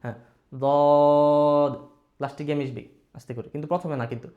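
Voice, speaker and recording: A man's voice: mid-range voice, racing, phone-quality sound. Patient man teaching Arabic letter sounds. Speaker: Quran recitation teacher. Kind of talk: slow explanatory lesson.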